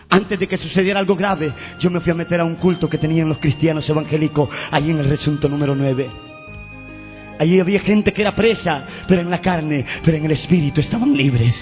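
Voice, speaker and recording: High-voiced preacher giving a fervent testimony, dull lo-fi recording, faint music behind. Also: male voice, a little fast. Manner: shouts proclamations, storytelling with call and response.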